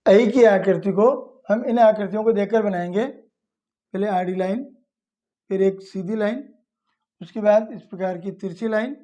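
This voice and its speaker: A woman's voice: mid-range voice, unhurried, warm tone. A woman teaching young children, explaining each step patiently and repeating it plainly. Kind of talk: slow step-by-step lesson for children.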